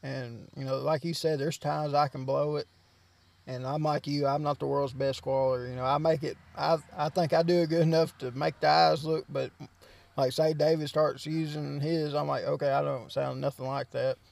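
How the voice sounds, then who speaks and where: Gravelly man, laid-back. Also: on the high side, flat delivery, moderate pace, darkish tone, dry recording. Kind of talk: casual chat.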